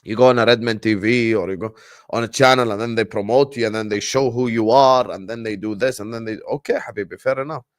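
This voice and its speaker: Talking fast in a lowish voice, a Jordanian man with an Arabic accent hosts a livestream watchalong. Arabic is his native language, and he keeps the chat casual and animated as he shouts out viewers.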